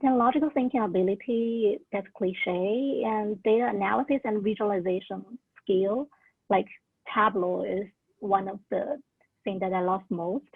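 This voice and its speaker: A gravelly, slightly rough woman's voice at medium pitch and moderate pace, with no room sound. She's a young non-English speaker in her twenties, earnestly offering career tips on a video call at a virtual orientation, casual and full of "like" and "uh." The call audio is narrow and tinny.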